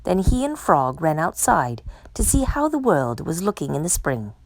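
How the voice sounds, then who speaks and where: A woman's voice: low voice, very animated, normal speed, no room sound, poor audio. A woman narrating a children's storybook as a read-aloud for storytime. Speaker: storytime reader.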